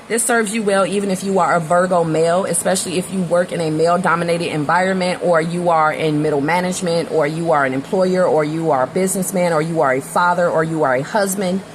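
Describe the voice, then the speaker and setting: A woman's voice: lowish voice, fast talker, hardly any pauses, slight background noise, rough recording. A woman doing a casual tarot reading, talking straight to the viewer in a slangy, conversational way and drifting into personal stories. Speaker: tarot reader.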